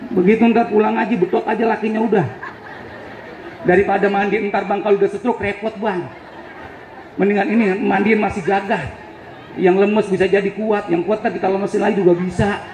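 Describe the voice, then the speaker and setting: A male preacher tells a teasing story in a high, bright voice. He jokes as he goes, and his words echo around a roomy hall. A faint crowd and soft noise sit underneath. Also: little pitch movement, fairly quick. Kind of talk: humorous sermon. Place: event hall on a campus.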